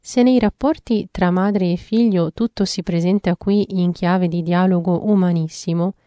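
A woman giving a measured, earnest reading of a devotional theological text. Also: mid-range voice, dark tone, dry recording.

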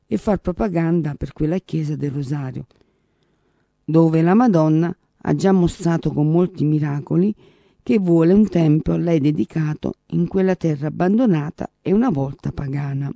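A man's voice: fairly high pitch, vocal fry, mellow, dry recording. A man voicing an earnest, devout male professor who explains and quotes scripture.

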